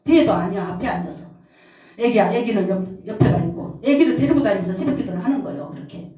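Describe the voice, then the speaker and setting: A woman's voice: medium pitch, animated, quick pace, warm tone. A middle-aged woman, a pastor's wife, preaching a sermon and telling a personal testimony, repeating phrases for emphasis. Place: prayer house service hall. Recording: roomy hall, distant mic.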